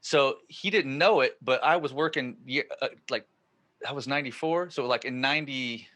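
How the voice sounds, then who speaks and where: A man in his forties hosts a podcast and tells a winding story. His voice is bright and forceful, sits at an everyday middle pitch, and rises with excitement as the story peaks. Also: normal speed. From northern California. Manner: excited, rambling storyteller who gets louder at the punchlines. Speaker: podcast host. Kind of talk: casual storytelling chat.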